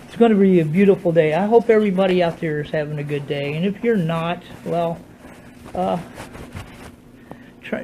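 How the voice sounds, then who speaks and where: A man's voice: fairly high pitch, darkish tone, a little hiss or hum, low-quality recording. An older, retired man talks in a casual, folksy, devout ramble, his words slightly slurred with no dentures in. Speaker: motorcyclist video blogger. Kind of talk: casual morning vlog. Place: at home while getting dressed.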